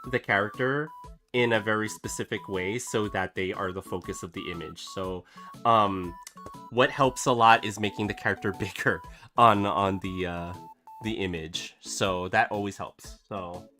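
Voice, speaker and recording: Soft music plays as this man streams himself drawing and chats casually at a moderate pace. His voice sits on the low side, and he rambles with many fillers and restarts while recovering from a cough.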